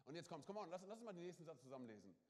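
Guy preaching a lively sermon, kinda high voice, big echoey church hall. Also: rapid-fire. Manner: lively, punctuates with "hey", "come on" and "oder?"; acts out little quoted scenes. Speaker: pastor. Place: church service.

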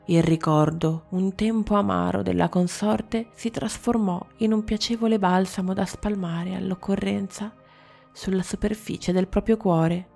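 A woman narrating a fairy tale in a calm, measured storybook reading. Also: medium pitch, vocal fry. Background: faint music.

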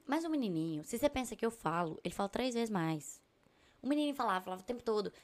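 A young woman talks as a guest on a casual podcast. Her voice sits a little high, and she tells her stories with animation, slipping into the voices of the people she quotes. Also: quick pace. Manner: animated storyteller, acts out quotes.

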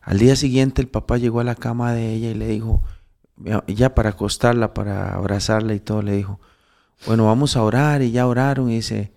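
A man's voice: on the low side, fairly even intonation, a little fast, gravelly, dark tone. A man telling a moral story in casual preaching talk, with many restarts, who builds to emphatic, raised preaching. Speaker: devout storyteller giving spiritual counsel.

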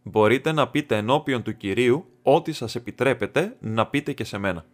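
A man voicing a sharp male detective who speaks briskly and dryly. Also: mid-range voice, lightly acted. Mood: dry, assured. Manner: brisk, dry, confident. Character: sharp, dry male detective, self-assured.

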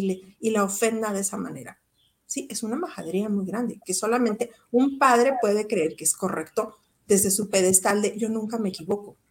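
A woman's voice: medium pitch, darkish tone. A woman, a psychologist and author, giving an earnest, emphatic explanation as a radio guest. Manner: earnest, emphatic, measured lecturing.

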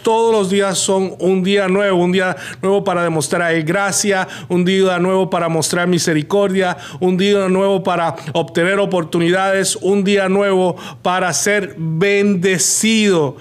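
A man's voice: sits high, smooth. A man preaching a motivational sermon on his podcast, emphatic, repeating key lines and speaking straight to the listener.

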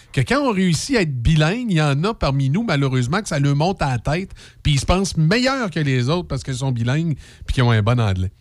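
A man's voice: on the high side, no room sound, studio quality. A middle-aged man with a Québécois French accent, hosting a radio show with joking, opinionated commentary. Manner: animated, joking, slips into mock English voices. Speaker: radio host.

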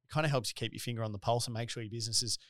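A man's voice: mid-range voice, steady tone, very fast, a bit bright, dry recording, clean studio sound. A man in his thirties with a broad Australian accent, hosting a casual interview in a rambling, colloquial, blokey way. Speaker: podcast host and business owner.

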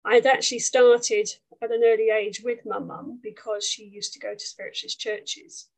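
A woman with an Essex accent speaks as an interview guest. Her voice sits a little high and stays fairly flat in melody. She tells personal stories in a conversational way. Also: normal speed, creaky, poor audio. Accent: Essex English. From Essex, England. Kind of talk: conversational life story.

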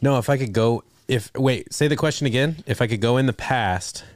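A man's voice: mid-range voice, a little fast, no echo, studio quality. A man co-hosting a podcast, joking and thinking aloud in casual chat. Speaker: podcast co-host.

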